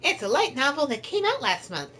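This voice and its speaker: A streamer with a high, lively voice reads visual novel text aloud at a fairly quick pace, mixing in casual stream chat. Her narration is animated, playful, and giggly.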